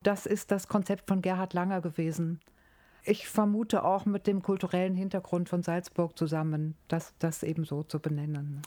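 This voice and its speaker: A middle-aged woman from Berlin, a professor, explaining her field in a measured academic interview. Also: on the low side, fairly even intonation, dark tone, no room sound. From East Berlin, Germany.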